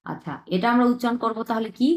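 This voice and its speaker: Echoey woman teaching a language class. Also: fairly high pitch. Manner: repeats words slowly, checks in with "হ্যাঁ?". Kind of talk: online language lesson.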